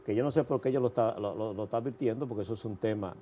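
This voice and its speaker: A man's voice: on the low side, racing, dark tone, lo-fi sound. Dominican male host, faint noise behind. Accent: Dominican Spanish. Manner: repeats words as he builds phrases. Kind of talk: casual show hosting.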